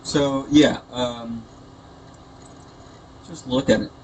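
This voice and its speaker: A gaming video host offers casual, hesitant, rambling commentary on his gameplay, speaking very slowly in a medium-pitched, darkish voice. The built-in computer microphone makes him sound tinny and echoey, with background noise present.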